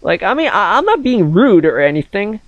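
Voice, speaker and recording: A man's voice: high voice, very animated, normal speed, no echo. Rambling young man, dull dry mic. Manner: rambling, heavy with fillers like "like" and "uh". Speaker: gaming channel host. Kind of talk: casual chat over gameplay.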